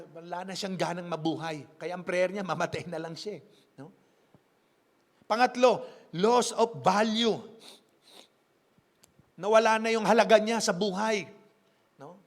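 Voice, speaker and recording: A man's voice: sits high, long reverb tail. A man with a Filipino accent preaching a sermon as pastor, switching between Tagalog and English and tagging phrases with a questioning "no?". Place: church.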